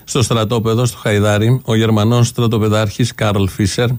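A man narrating a documentary in a solemn, measured way. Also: fairly low pitch, little pitch movement, a little mellow.

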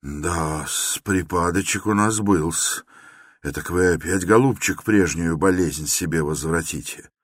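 A man's voice: sits low, unhurried, dry recording, studio quality. A man putting on a fawning, fussy old investigator. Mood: coaxing, chatty. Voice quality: obsequious, clucking, adds polite "-s" to words. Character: fussy, fawning middle-aged male police investigator.

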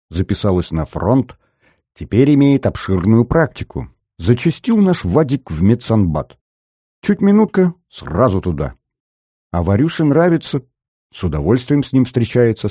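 A man's voice: on the low side, normal speed, breathy edge, no echo, clean studio sound. Cheeky young soldier, raised teasing voice, a man doing it. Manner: lively, mocking.

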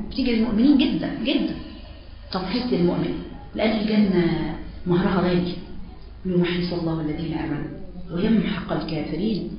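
A woman with an Egyptian accent giving a religious lesson, emphatic, speaking directly to women listeners and quoting verses. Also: mid-range voice. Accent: Egyptian Arabic. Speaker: religious preacher. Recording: very echoey, dull lo-fi sound.

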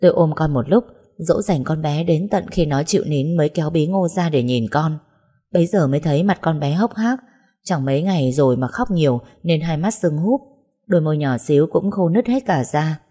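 A woman's voice: low-pitched, animated, moderate pace, warm tone, husky. A woman narrating a first-person audio story in a tender, emotional storytelling manner.

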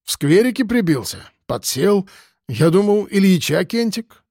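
A man's voice: sits high, very animated, unhurried, darkish tone, dry recording, studio quality, pitched above the performer's own voice, exaggerated voice. A man voicing a whiny, unshaven male petty thief who sniffles and pleads in a raised voice. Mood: flustered.

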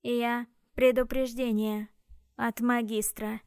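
A slow, grating metallic automaton, as a woman narrator puts it on, delivering a menacing warning in a flat, even line. The voice is dry and close, with no room around it. Each word drags out mechanically. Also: on the high side, smooth, dry recording. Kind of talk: audiobook narration.

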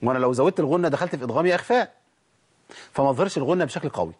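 Man, egyptian arabic accent, recitation teacher, question-and-answer explaining, fairly high voice. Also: slightly rough. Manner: explains, then demonstrates recitation with slow drawn-out examples; asks himself rhetorical questions and answers them. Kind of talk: Quran tajweed lesson.

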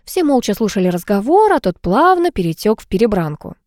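A woman's voice: mid-range voice, big pitch swings, fairly quick, darkish tone, no room sound, studio quality. Woman narrating a detective audiobook. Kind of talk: scripted narration of a detective novel.

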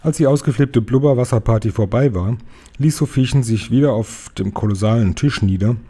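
A man reading a children's book aloud, steady and expressive. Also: mid-range voice, a little fast, husky. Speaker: audiobook narrator.

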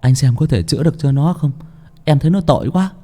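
A man's voice: on the high side, animated, fast talker, warm tone, pitched above the performer's own voice. A man doing a blunt coarse young sidekick. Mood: plain.

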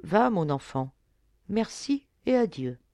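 A woman's voice: fairly low pitch, big pitch swings, slow pace, mellow, no echo, studio quality, full character voice. A woman reading a bitter young nobleman. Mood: bitter resigned. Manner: bitter, resigned.

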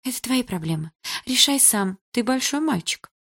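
A woman's voice: fairly high pitch, expressive, normal speed, vocal fry, fairly bright tone, slightly rough, pitched above the performer's own voice, exaggerated voice. A woman reading an audiobook, voicing a brash teenage girl who talks sharply and sneers. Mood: mocking. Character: brash mean teen girl, mocking.

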